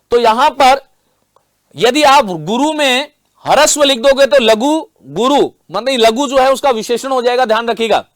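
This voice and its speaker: A male teacher with a strikingly high voice delivers a lecture, spelling out examples slowly and reminding his students again and again to take note. The sound is close and dry, without any room echo. He comes across as a seasoned middle-aged instructor. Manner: explains carefully, often repeats reminders and slowly demonstrates sounds. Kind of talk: classroom lecture.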